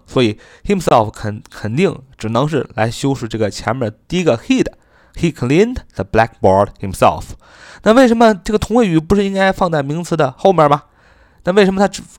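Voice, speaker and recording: A man gives an English grammar lesson, explaining in Chinese and reading example sentences slowly and carefully. He keeps asking the class questions and then answers them, spelling words out one letter at a time. The recording is dry and close, with no room sound. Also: medium pitch, no echo. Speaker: English teacher.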